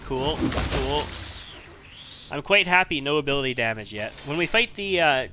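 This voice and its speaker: A man's voice: fairly high pitch, expressive, moderate pace. A man giving casual, analytical gameplay commentary, sometimes repeating himself as he thinks. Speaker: video game let's player. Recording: faint background noise.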